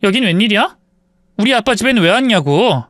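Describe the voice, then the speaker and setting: A man reading the part of an angry wife who shouts scornfully at her husband. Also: medium pitch, lively intonation, a little fast, dry recording, clean studio sound, pitched above the performer's own voice, lightly acted. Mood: furious.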